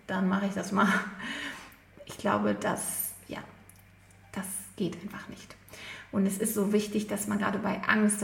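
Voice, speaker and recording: A woman coach explains self-help ideas in a gravelly, creaky voice. She talks thoughtfully and gently, often pausing to search for words. Her voice carries a roomy echo. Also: mid-range voice. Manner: thoughtful, gently searching, with frequent pauses and fillers. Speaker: therapy coach. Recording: echoey room.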